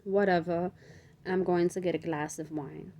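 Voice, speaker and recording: A woman's voice: lowish voice, steady tone, moderate pace, dark tone, highs cut off, natural voice. A woman reading aloud as a betrayed wife, bitter and sarcastic. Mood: upset.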